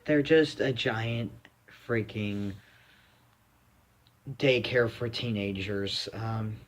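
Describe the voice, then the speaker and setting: A man's voice: fairly low pitch, drawn-out words. A young man from the United States giving a rambling, blunt opinion monologue, full of fillers and restarts. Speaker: vlogger.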